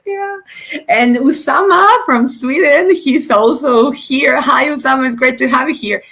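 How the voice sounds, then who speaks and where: A woman's voice: sits high, a little slow. A woman hosting a live stream, reading out viewer comments and chiming in. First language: Spanish. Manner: reads viewer comments, warm backchannels, laughs easily. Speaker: host.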